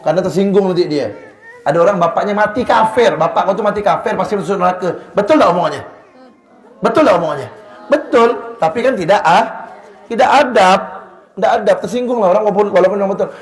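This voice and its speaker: A man teaching an Islamic study sermon in a lively way, booming at some points and dropping to a hush at others. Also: reverberant. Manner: animated, shifts between loud emphasis and hushed low lines. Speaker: religious teacher. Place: Islamic boarding school hall.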